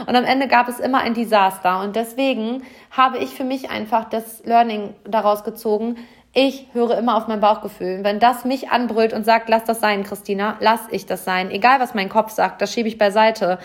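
A woman with a slightly higher voice hosts a solo motivational podcast. She speaks earnestly and encouragingly, addressing the listener directly. Her manner is lively and bubbly. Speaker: podcast host.

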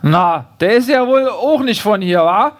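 A man's voice: high voice, animated, a little slow, pitched above the performer's own voice. A man reading aloud and voicing a nosy, bigoted woman neighbor from downstairs, gossipy and suspicious.

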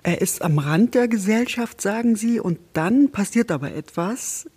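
A woman hosting a literary podcast, calmly summarizing a plot before asking the author a question. Her voice is husky and breathy, with a mellow, dark warmth. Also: medium pitch, moderate pace. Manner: composed, explanatory. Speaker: podcast host, journalist. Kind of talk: interview, book discussion.

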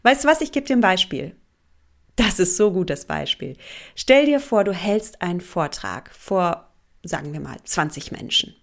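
A woman's voice: on the low side, animated, moderate pace, creaky. A woman in her thirties hosting a self-help podcast as a coach, chatty and emotional, laughing often.

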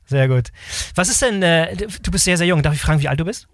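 A man hosts a podcast in a chatty, jokey way and laughs easily. His voice sits a little high. The sound is close and dry. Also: animated, brisk, no room sound. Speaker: podcast host. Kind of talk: podcast interview.

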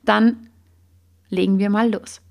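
Woman coach, slow guided exercise, gravelly tone. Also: mid-range voice. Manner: slow, calm guiding questions.

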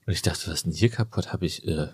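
A man who is a plastic surgeon hosts a casual podcast interview, chatting, joking and telling anecdotes with gusto. His deep, slightly rough voice moves fast, recorded at studio quality with no room sound.

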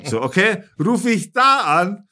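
Guy on a podcast, pretty high voice, slangy and swearing, ranting a story. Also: slow pace. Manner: animated, slangy, swears freely. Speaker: podcast host. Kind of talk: casual storytelling chat.

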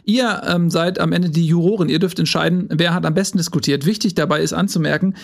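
Guy with a high gravelly voice joking around on a debate panel. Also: fairly even intonation, fast talker. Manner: playful, mock-serious explaining. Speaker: debater and regular of the show. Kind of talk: comedic panel banter.

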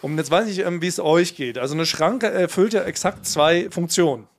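A man's voice: a little high, normal speed. A man co-hosting a casual chat, telling stories in a theatrical, mock-indignant way and laughing as he talks. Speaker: podcast co-host.

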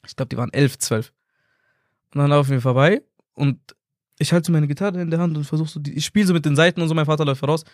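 Fast-talking young man telling stories. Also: fairly high pitch, dry recording, studio quality. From Germany. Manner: animated anecdotes, acts out quotes, laughs often. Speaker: content creator and singer, guest. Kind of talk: casual conversational storytelling.

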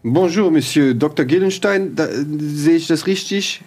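A man's voice: a little high, normal speed, darkish tone, close to an everyday voice. A man voicing a boastful male charlatan inventor posing as French, pompous and rambling.

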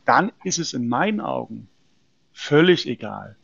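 A man's voice: medium pitch, very animated, a little slow, gravelly, fairly bright tone, husky, dry recording, highs cut off. A man from a precious metals company answering interview questions in an explanatory way, often hesitating with fillers and restarts.

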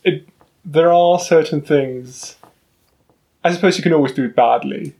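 Relaxed male podcast host. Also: on the high side, a little slow, vocal fry. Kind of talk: casual round-table chat.

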